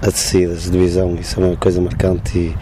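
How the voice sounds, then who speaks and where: A man with a northern Portuguese accent, a supporters' group leader, talks casually in an interview in halting, loose phrases. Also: sits low, completely flat delivery, background noise. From Guimarães, northern Portugal.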